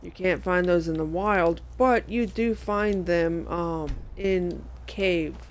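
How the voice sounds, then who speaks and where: High-pitched guy chatting thru his game, lots of ums and restarts, faint hiss behind. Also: slow pace. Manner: rambling, self-correcting, many fillers. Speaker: gameplay commentator. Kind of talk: casual let's-play commentary.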